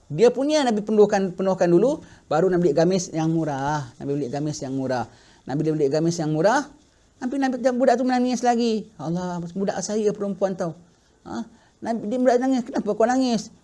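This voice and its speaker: A middle-aged man teaching a religious class, telling a story with lively acted-out quotes. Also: high voice. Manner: animated storytelling, acting out quoted voices. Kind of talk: sermon storytelling in Malay.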